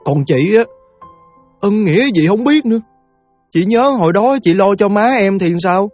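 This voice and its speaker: A man's voice: high voice, animated, moderate pace, darkish tone. An actor with a Southern Vietnamese accent playing a thin, loyal young shoeshine boy who talks chattily and deferentially, over faint music. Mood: affectionate.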